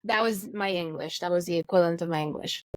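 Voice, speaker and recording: A middle-aged woman from Mexico, telling her story as a guest in a casual interview, animated and playing out the voices she quotes. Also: fairly low pitch, quick pace, dry recording.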